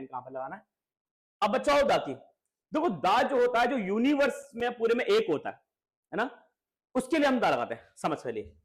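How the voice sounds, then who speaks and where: A man teaching a grammar lesson to schoolchildren, asking and repeating questions. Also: sits high. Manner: lively, repeats questions to students, coaxing.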